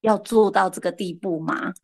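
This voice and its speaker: A woman, a guest casually telling lively stories. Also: medium pitch, normal speed. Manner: lively anecdotal, shifting pace. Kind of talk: casual storytelling.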